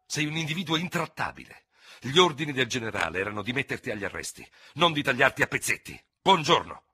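A man's voice: fairly low pitch, lively intonation, normal speed, gravelly, bright, forceful tone, slightly rough, pitched above the performer's own voice, full character voice. A man voicing a cool-headed young staff officer who answers with controlled scorn. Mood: exasperated. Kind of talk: audiobook character reading.

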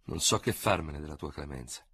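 A man voicing an angry, stubborn old general in a radio audiobook, shouting with indignation. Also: extremely low pitch, animated, a little fast, husky, full character voice. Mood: sullen.

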